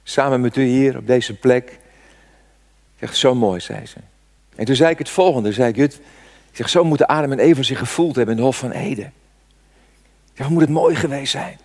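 A man's voice: medium pitch, moderate pace, pauses often, a little mellow. A man in his sixties preaching a sermon, telling a personal story with fervent rhetorical questions. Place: church. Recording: long church reverb.

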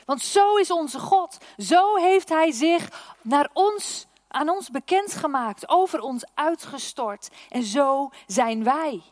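A woman with a high voice delivers a sermon at a slow, deliberate pace. She leans on key words and sometimes drops into a hushed, anxious tone to act out doubts. The recording is dry, with no room echo. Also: lively intonation. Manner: acts out an anxious inner voice in a hushed tone. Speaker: preacher; church prayer and worship team member.

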